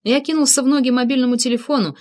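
A woman narrating a first-person thriller audiobook in a tense, measured storytelling manner. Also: high voice, steady tone, darkish tone.

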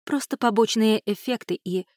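A woman reads an audiobook in a fairly high, slightly mellow voice at moderate pace, in a dry, studio-quality recording close to everyday speech. She voices a stern, guarded, quick-tempered aunt who answers firmly and defensively, sounding harsh and snapping when pushed.

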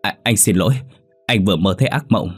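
A man's voice: fairly low pitch, fast, husky, soft background music. A man playing a guilt-ridden older man who stammers and cries out in frantic fear. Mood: evasive.

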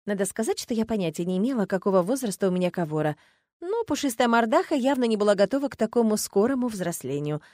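Woman audiobook narrator, expressive, dead-dry studio sound. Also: mid-range voice, quick pace, no room sound. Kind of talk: first-person audiobook narration.

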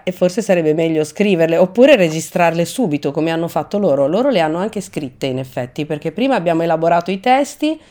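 A woman's voice: fairly low pitch, mellow. A woman hosting a children's radio show, leading a school workshop and praising the kids. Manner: encouraging, praising.

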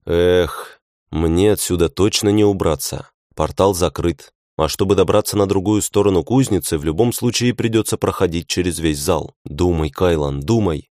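A man's voice: deep voice, moderate pace, darkish tone, no room sound, studio quality. A young man narrating a first-person fantasy audiobook in a tense, wry inner-monologue manner.

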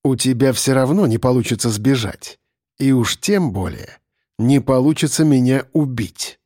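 A man voicing a menacing male cannibal captor who speaks quietly, slowly and coldly. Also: medium pitch, no echo, studio quality, lightly acted. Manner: quiet, slow and icy. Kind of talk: audiobook character voice.

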